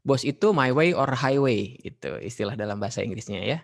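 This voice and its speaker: A man with an Indonesian accent teaching a leadership lesson to students over an online call, lively and mixing in English phrases as he calls on them. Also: medium pitch, brisk, gravelly. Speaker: teacher leading a leadership training session. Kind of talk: online class lecture.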